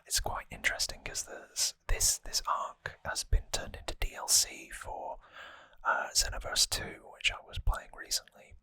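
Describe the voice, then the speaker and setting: This whispered ASMR trivia recap comes from a host speaking breathily up close to the mic, with no echo. The audio is dry and crisp with bright sibilance, and the relaxed, informal delivery slips in small wry comments.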